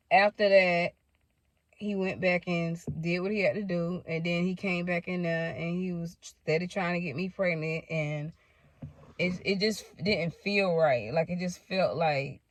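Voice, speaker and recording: A woman's voice: on the low side, dry recording. A woman telling a personal story to her viewers in a casual, candid way, swearing freely and speaking straight to them. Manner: candid, profane, addresses viewers directly. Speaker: storytime vlogger.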